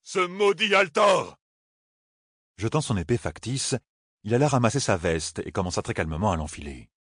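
A low-pitched man narrating a fantasy audiobook with a lively, varied delivery. His voice is husky, and the recording is dry and close. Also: fast, dry recording. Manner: lively, expressive reading.

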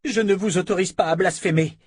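A man voicing a fierce young woman, a vehement and imperious sorceress of a dark order, in an audiobook. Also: high-pitched, brisk, husky, no room sound, pitched above the performer's own voice. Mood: furious.

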